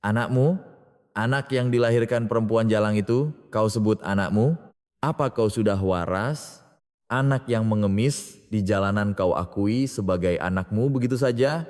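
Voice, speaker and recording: A man voicing a spiteful young wife with a sharp, mocking tongue, in a storybook reading with long reverb. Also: on the low side, moderate pace, lightly acted. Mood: sneering.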